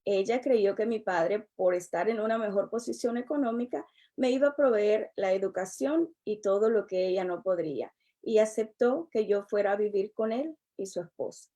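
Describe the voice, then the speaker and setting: A middle-aged woman, a relationship coach giving a prepared personal testimony in a measured, earnest way. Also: medium pitch, warm tone. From El Salvador. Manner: measured, earnest, unhurried delivery.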